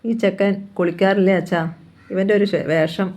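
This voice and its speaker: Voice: mid-range voice, little pitch movement, normal speed, darkish tone, close to an everyday voice. A reader voicing a young woman, a caring and teasing elder sister, in a novel reading.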